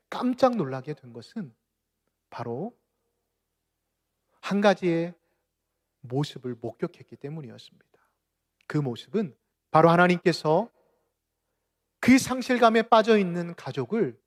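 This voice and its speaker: Korean pastor preaching with dramatic swings. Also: male voice, high voice, big pitch swings, a little slow, pauses often. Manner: dramatic preaching, rising to loud outcries and dropping to near-whispers. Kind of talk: sermon. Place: church sanctuary.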